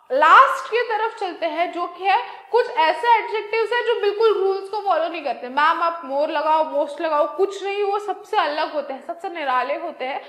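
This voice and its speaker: A young woman teacher with an Indian English accent, giving an exam-prep grammar lesson and drawing out example words slowly. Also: very high voice, a bit bright, reverberant. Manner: slow, drawn-out spelling and repetition of example words; mixes Hindi with English phrases.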